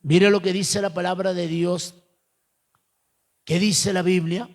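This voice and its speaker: Ecuadorian male preacher, very high gravelly voice, lively storytelling sermon, long church-hall reverb. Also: slow. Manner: animated, addresses listeners as brother, rising to shouted fervor.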